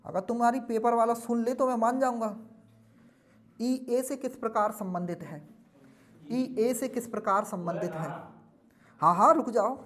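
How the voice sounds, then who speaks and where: A man's voice: extremely high pitch, moderate pace, long pauses, a bit bright. A man teaching a classroom lesson, drilling students with repeated questions and answers and scolding them now and then.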